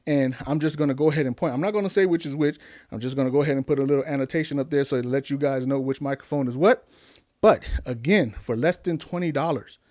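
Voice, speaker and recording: A man with a mid-range, darkish voice talks to camera in a casual vlog as a YouTube tech reviewer. In a home studio with gear at his back, he's upbeat and chatty and asks viewers many questions, captured close on an arm-mounted desk condenser mic.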